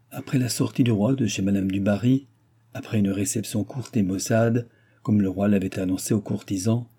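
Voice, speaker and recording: Low, husky male narrator. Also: dark tone. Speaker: audiobook narrator. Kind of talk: scripted narration.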